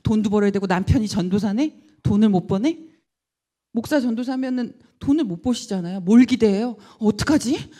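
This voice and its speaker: A middle-aged woman preaching a personal testimony from the pulpit. Her voice is mellow and warm. She tells her story with animated delivery and acts out the voices of the people in it. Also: mid-range voice, fairly quick. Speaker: guest speaker, school principal. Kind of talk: sermon testimony.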